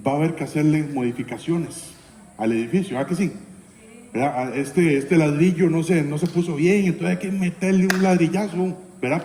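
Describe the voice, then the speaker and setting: Male pastor, chatty sermon style, warm dark tone, echoey sanctuary sound. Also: on the high side. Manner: conversational preaching, frequent "¿verdad?" tags. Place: church sanctuary. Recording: echoey church hall.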